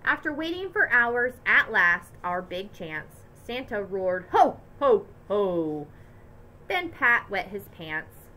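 Bright, expressive woman reading aloud. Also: medium pitch, slow, hardly any pauses, low-quality recording. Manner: lively, expressive storytelling. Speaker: teacher. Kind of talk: reading a picture book aloud to children.

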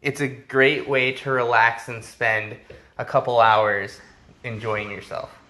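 A man with a bright, forward voice of medium pitch narrates a travel vlog. He speaks as a host in a casual, scripted voice-over style, presenting a place to viewers. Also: flat delivery, takes it slowly. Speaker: vlogger narrating a visit.

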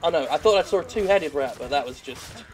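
A British gamer talks over his gameplay in a fast, expressive, fairly high voice. His commentary is casual, rambling and self-deprecating, full of free swearing, while faint game action sounds play behind him.

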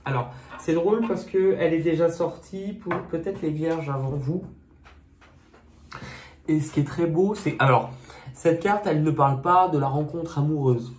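A man's voice: on the high side, normal speed, darkish tone. Male tarot reader, casual and chatty, hesitant with fillers, self-mocking; roomy echo, faint noise. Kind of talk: casual monthly tarot reading. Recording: echoey room, faint noise.

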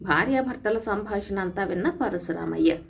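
A woman storyteller reading a moral folk tale in a steady, scripted narration. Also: medium pitch, normal speed, creaky.

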